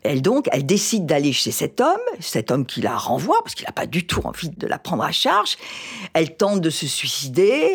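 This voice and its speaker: Woman, low voice, animated pitch, explanatory, hesitant fillers, interview guest. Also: slightly rough. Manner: fluent, explanatory, many hesitations. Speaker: guest literary expert. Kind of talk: radio interview, explaining literature.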